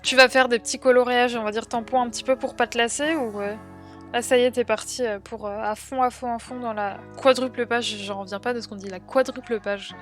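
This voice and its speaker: On a casual livestream, a young French woman responds to viewers' comments, often trailing off with fillers. Her slightly high voice is steady in tone and fairly quick, with quiet music behind her.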